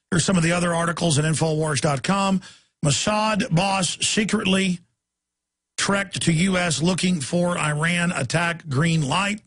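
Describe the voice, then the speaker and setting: Gravelly-voiced ranting man. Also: high voice. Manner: ranting, emphatic, rising to shouts. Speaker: talk radio host. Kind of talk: talk radio monologue.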